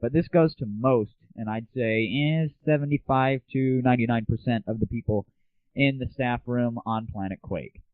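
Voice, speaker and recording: Speaking at normal speed with a medium-pitched voice and no echo, an American man runs an online gaming news show on his own. His take on the news is laid-back, slangy, opinionated and irreverent, heard through muffled, phone-quality lo-fi audio.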